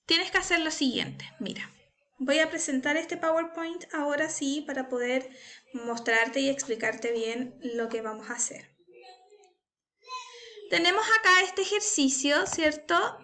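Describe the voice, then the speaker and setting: A woman with a high, bright, forceful voice teaches English to primary school pupils online. She explains patiently, step by step, and checks that they follow with frequent "¿cierto?" and "¿ya?".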